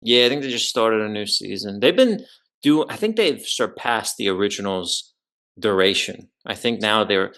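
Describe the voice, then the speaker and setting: Young joking podcast host, bright tone. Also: male voice, on the low side, expressive, normal speed. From New Jersey. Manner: profane, joking, loose. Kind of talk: casual chat. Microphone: video call.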